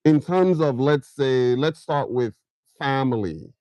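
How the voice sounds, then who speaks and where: A dry recording captures a middle-aged Nigerian host with a Nigerian accent on a casual livestream. His medium-pitched voice is dark in tone and slow-paced as he fires off question after question to viewers, sliding into pidgin along the way.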